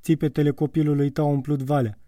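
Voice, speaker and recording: A man's voice: a little high, flat delivery, mellow, no room sound, clean studio sound, far from the mic, lightly acted. A man reading an audiobook, voicing a stern, pious husband who scolds harshly. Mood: scolding.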